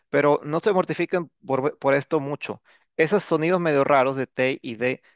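A medium-pitched male voice with vocal fry teaches English grammar informally, frequently closing sentences with "¿no?" and repeating "este". The recording has a dull, dry, lo-fi sound and no room ambience.

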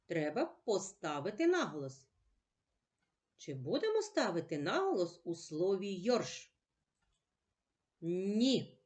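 A woman teaches a reading lesson to young children in a slow, deliberate way. Her pitch rises and falls a great deal, and her voice sits a little low. She asks patient questions and then answers them herself. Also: darkish tone. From Ukraine.

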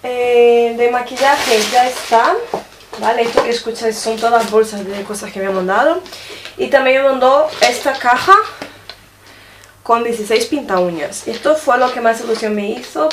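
A woman chats through a makeup haul, her voice sitting a little on the high side. She shows each item to the camera as she goes and checks in often with her viewers. Faint clicks sound now and then behind her. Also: slight background noise. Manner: chatty, often checks in with a quick question tag; shows items to the camera while talking. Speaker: beauty vlogger. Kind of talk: casual product review.

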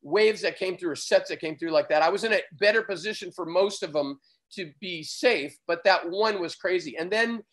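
A surf photographer, a man, tells an excited, vivid story as a guest in a conversation, often getting loud. His voice is high-pitched at a normal speed, and the audio is poor.

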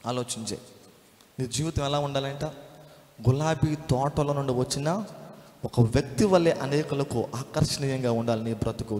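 A man's voice: a little high, darkish tone. A man preaching a sermon, storytelling and firing rhetorical questions at the congregation. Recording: echoey hall.

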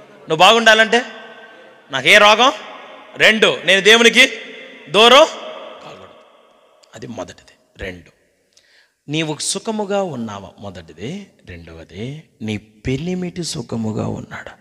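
A male pastor preaching with call-and-response, swinging between loud shouts and hushed whispers, and calling on the congregation to repeat after him. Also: on the high side, sing-song, unhurried, long pauses, long reverb tail. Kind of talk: Telugu sermon with call-and-response.

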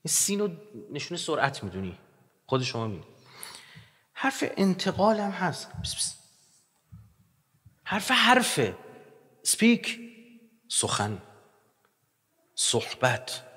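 A man giving a religious lecture in an animated, joking manner, his voice rising loud and dropping quiet. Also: a little high, long pauses. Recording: long hall reverb.

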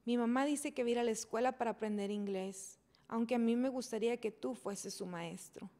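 A woman's voice: fairly high pitch, brisk, dark tone, natural voice. A woman voicing an eager young schoolgirl.

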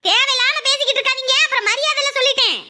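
A rapid, sharp-tongued young wife. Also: female voice, very high voice, exaggerated voice. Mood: warning. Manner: rapid and retorting. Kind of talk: TV serial acting.

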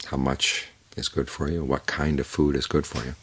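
Very deep husky older monk. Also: male voice, no room sound. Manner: calm, measured, unhurried with pauses. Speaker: Buddhist monk teacher. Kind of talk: evening Dhamma talk.

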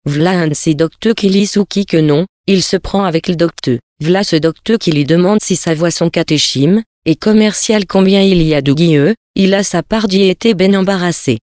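A reader voicing a rough river boatman with a hoarse voice, telling a rambling folksy tale, recorded dry. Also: medium pitch, normal speed, hardly any pauses, a little mellow, no room sound, natural voice. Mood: boastful.

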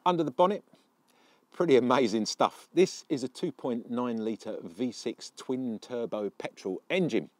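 A man's voice: mid-range voice, measured pace, a little mellow, no room sound. A man presenting a casual car review walkaround outdoors beside a car, chatty and storytelling, often asking the viewer questions.

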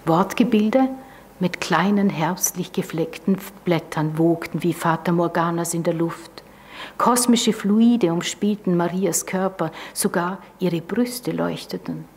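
A woman with an Austrian German accent giving a calm, measured reading of a literary prose text. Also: lowish voice, breathy edge. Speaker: author reading.

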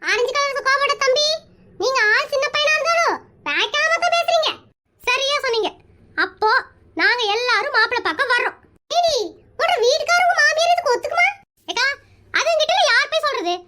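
A woman's voice: extremely high pitch, lively intonation, brisk, very noisy. A woman voicing a pushy, chatty married aunt in a cartoon comedy, who plays matchmaker and talks. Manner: brash, nosy, rambling.

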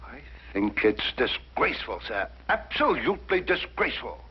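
An actor playing an earnest, officious British police inspector in a 1950s drama, speaking formally and emphatically. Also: male voice, mid-range voice, sing-song, moderate pace, close to an everyday voice. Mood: indignant, earnest. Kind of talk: 1950s television drama acting. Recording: muffled, noisy 1950s television soundtrack.

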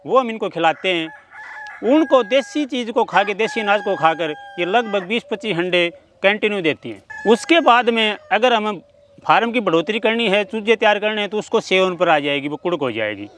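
This is a middle-aged poultry farmer giving a step-by-step, earnest account of his work for an outdoor interview on his farm. His high, slightly bright voice has lively intonation and moves at a moderate pace. Chickens cluck and crow in the background, captured by a handheld mic at mid distance.

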